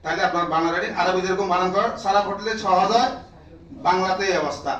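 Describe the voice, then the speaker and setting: A high-voiced man gives a classroom lecture to teachers and keeps firing questions at the room to make them answer. The sound is roomy and echoing, picked up from a mic some distance away. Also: fairly even intonation, quick pace, fairly bright tone, lo-fi sound. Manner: drills the room with repeated questions, prods listeners. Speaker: teacher trainer.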